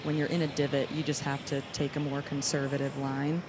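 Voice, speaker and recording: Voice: medium pitch, level tone, fairly quick, noisy background. An on-course golf commentator explaining shots and strategy in a matter-of-fact way. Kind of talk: live golf commentary, shot analysis.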